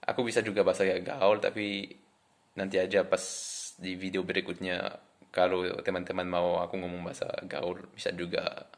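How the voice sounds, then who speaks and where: Male vlogger, French native speaking Indonesian as a foreigner with a French accent: deep voice, flat intonation, hesitant casual delivery. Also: moderate pace, gravelly. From France. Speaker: vlogger introducing himself. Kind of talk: casual talk to camera.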